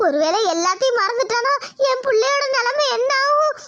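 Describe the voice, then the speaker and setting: A woman's voice: expressive, fairly quick, fairly bright tone, dull audio. A woman voicing an anxious, middle-aged village mother in a cartoon, who wails and pleads. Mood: pleading. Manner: wailing, pleading, high-strung. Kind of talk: cartoon voice acting.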